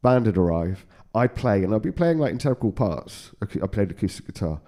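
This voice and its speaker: A man's voice: fairly low pitch, very animated, a little fast, dark tone. A man in his forties, a guitar tech telling road stories in casual chat, swearing freely and laughing often. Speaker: podcast guest, guitar tech.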